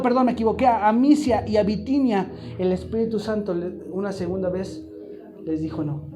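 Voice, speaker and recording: In a church hall before a live congregation, a man with a very high, darkish voice preaches a sermon. He's emphatic and keeps throwing repeated questions at the room.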